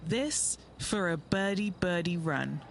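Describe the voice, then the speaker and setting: On-course reporter, middle pitch, flat factual setup calls, noisy outdoor line. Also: slow, vocal fry. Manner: matter-of-fact shot setup calls. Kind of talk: live golf commentary.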